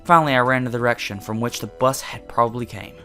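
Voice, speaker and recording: A man's voice: mid-range voice, fast, pushed and bright, soft background music. A young man hosting a let's play, reading a visual novel's narration aloud and breaking off for jokey, self-deprecating asides with casual swearing.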